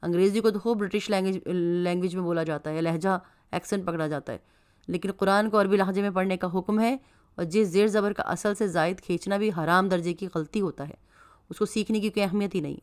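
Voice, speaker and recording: A woman's voice: mid-range voice, a little mellow, close to an everyday voice. A woman reading the lecture of a female religion teacher, explaining word roots in an instructive tone.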